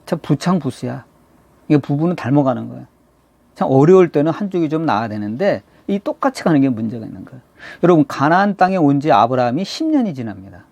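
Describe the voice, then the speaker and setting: A man preaching a Sunday sermon as pastor, acting out the people in the story and dropping now and then to a hush. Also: medium pitch, husky, dry recording. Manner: animated storytelling preacher who acts out quoted voices, swinging from loud to hushed.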